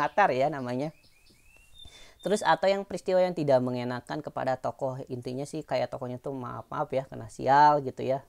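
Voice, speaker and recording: A woman's voice: low voice, a little mellow. A woman teacher giving an online lesson, explaining patiently in a chatty way with fillers and tag questions.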